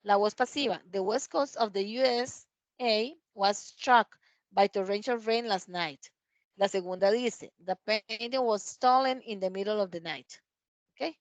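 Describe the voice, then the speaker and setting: Woman, English teacher, dry sound, slow careful examples. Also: mid-range voice, no echo. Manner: reads English examples aloud slowly, checks with "¿verdad?". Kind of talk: classroom grammar explanation. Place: classroom.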